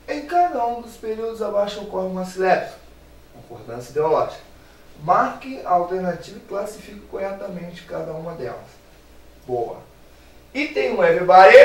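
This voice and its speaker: Lively male teacher, echoey room. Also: sits high. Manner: lively, playful, drops English exclamations. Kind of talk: classroom grammar lesson. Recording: echoey room, mic at a distance.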